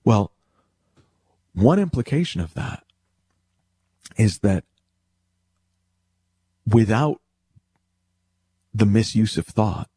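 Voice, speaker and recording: A man's voice: on the low side, very animated, extremely slow, pauses often, warm tone, husky, no room sound. A man giving an explanatory motivational talk, speaking to the listener directly with emphatic phrasing and rhetorical questions. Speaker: speaker teaching spiritual principles.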